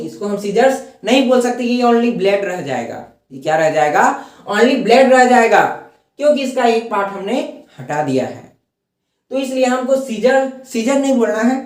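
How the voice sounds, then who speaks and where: A man's voice: very high-pitched, a little mellow, roomy sound. A male teacher explaining a grammar lesson. He repeats each point and asks questions that he then answers himself.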